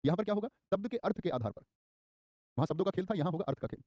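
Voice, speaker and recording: A young man runs a live online grammar class, talking quickly and firing questions at his students. His voice sits a little high but sounds mellow and soft-edged. He is recorded dry and close, with no room sound at all. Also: dry recording. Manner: energetic, repeats key terms and quizzes students; acts out short quoted lines in a raised voice. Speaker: Hindi grammar teacher.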